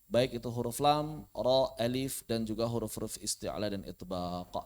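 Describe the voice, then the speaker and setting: A man with an Indonesian accent teaching Quran recitation online, repeating syllables loudly to demonstrate each sound. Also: medium pitch, steady tone, moderate pace. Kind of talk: online tajwid lesson.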